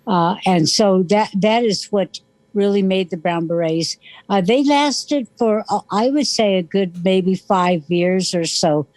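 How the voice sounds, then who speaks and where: A woman guest on a radio interview who speaks haltingly, filling her pauses with many uhs. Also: mid-range voice, darkish tone, dry recording. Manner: halting, full of uh fillers.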